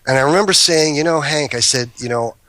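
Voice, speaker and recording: A cannabis breeder appearing as a talk-show guest tells long, meandering stories, frequently cutting himself off mid-sentence. His voice is fairly high, quick, pushed and bright, with no echo. It's a casual, storytelling sort of chat.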